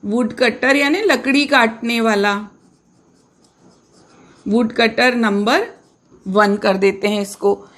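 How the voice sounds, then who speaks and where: High-voiced woman teaching English grammar. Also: fairly even intonation, fairly bright tone. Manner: explains slowly with repetition and questions to pupils. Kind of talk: classroom lesson explaining grammar.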